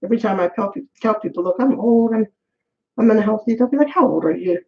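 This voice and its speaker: A middle-aged woman braids her hair while vlogging, rambling and talking to herself in a candid, breathless way. Her voice leans high, quick, with vocal fry, and the sound is lo-fi.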